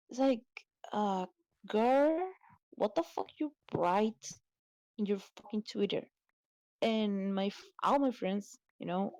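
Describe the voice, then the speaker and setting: Slow-talking blunt woman streamer. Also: mid-range voice, warm tone, no echo, dull audio. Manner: blunt, swears a lot, nonnative English. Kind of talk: casual chat.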